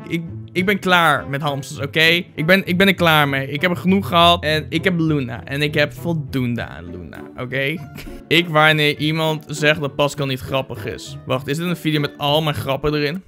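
A man doing casual joking commentary as a YouTuber, playful and self-mocking, swearing and tossing in English phrases, sometimes breaking into loud shouts. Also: fairly high pitch. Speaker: YouTuber reacting to fan posts.

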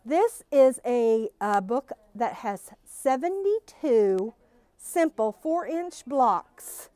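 A phone camera follows a masked, middle-aged woman as she gives a casual, gushing tour of new quilt-shop stock. Her bubbly voice sits on the high side and is sing-song and very slow, warm in tone with no echo.

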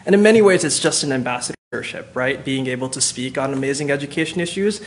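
A man's voice: medium pitch, lively intonation, fast talker, a little hiss or hum. A young man from New Jersey, a teacher and talk show guest, speaking earnestly and articulately with frequent ums.

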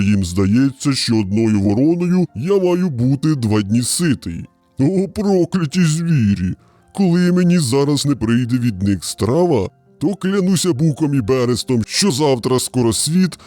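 Guy doing a big angry starving bear, slow growly roars, dark tone, quiet music behind. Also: mid-range voice, no echo, natural voice. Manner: roaring, drawn-out growling delivery. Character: huge hungry furious male bear, bullying. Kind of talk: storybook character voice.

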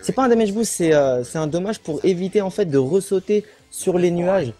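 A man's voice: high voice, animated, normal speed, music in the background. A man giving casual live commentary on a speedrun, often hunting for words mid-sentence. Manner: casual, hesitant, searches for words.

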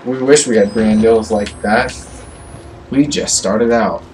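A man's voice: fairly low pitch, slow, darkish tone, a little hiss or hum. A man co-hosting a horror game let's play, teasing his friend with crude jokes and frequent laughter. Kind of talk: joking gameplay banter.

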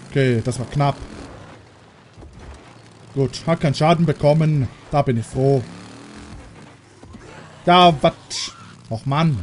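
A German man narrates his gameplay in an unhurried, drawn-out way, his voice sitting a little high for a man. He talks straight to the characters on screen and swears when something surprises him. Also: a little mellow, slight background noise. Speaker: let's player. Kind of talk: casual gameplay commentary.

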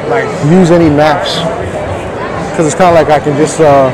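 A man's voice: on the high side, steady tone, moderate pace. A man talking casually through a face mask in laid-back slang, hosting a walk-around vlog. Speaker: vlog host. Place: large busy indoor convention hall, walking. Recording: noisy, crowded convention floor. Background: crowd chatter and hall noise.

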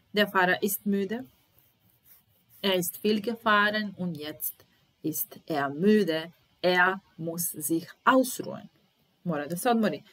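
Slow, low-voiced woman teaching German. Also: fairly bright tone. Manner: repeats German sentences then translates, patient. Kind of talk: slow language lesson.

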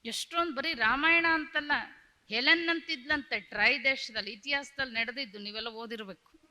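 A woman's voice: sits high, moderate pace, sharp tone, in a large hall. A woman preacher giving a religious discourse, repeating lines in rhythm and telling stories. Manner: tells stories, acting out quoted voices. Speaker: spiritual preacher.

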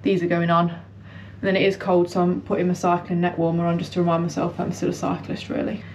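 A young British woman chats casually to her running vlog from a house hallway, colloquial and self-deprecating, at a quick pace. Her low voice is completely flat in delivery. The camera sits at arm's length or propped nearby, and a little hiss or hum is audible.

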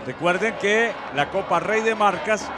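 A man working as color commentator, calmly breaking down each penalty in detail. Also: high voice, measured pace. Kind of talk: football analysis commentary. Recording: broadcast with crowd and music behind.

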